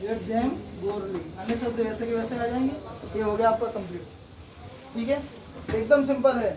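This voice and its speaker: A man's voice: very high voice, normal speed. A man teaching a grammar lesson step by step, checking in with "theek hai" after almost every point. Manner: explains step by step, repeats "theek hai" often. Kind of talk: classroom-style grammar lesson. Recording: echoey room, distant mic, background noise.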